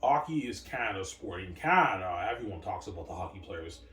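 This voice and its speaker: Recorded from a distance in an echoey room with faint background noise, a man with a low but fairly bright voice talks expressively and fairly quickly. He's a solo vlogger delivering a rambling monologue to himself, full of repeated words and fillers like "like" and "man."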